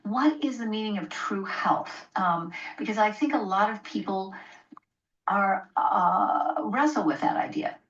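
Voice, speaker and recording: A woman hosting a public radio interview in a conversational way, with a hesitant, halting delivery full of ums. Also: mid-range voice, lively intonation. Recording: dull, roomy, distant microphone sound.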